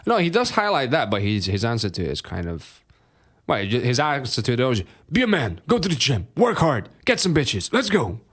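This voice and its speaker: A man's voice: medium pitch, moderate pace, slightly rough. A young man co-hosting a podcast, casual and sweary, laughing often. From Romania. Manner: animated, sweary, laughs a lot. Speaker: podcast co-host. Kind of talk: casual chat.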